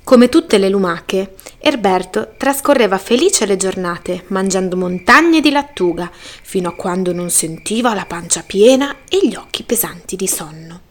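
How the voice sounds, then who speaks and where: A woman reading a children's picture book aloud, gentle and lively. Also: medium pitch, unhurried, few pauses. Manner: gentle, lively read-aloud with voiced characters. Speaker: storyteller.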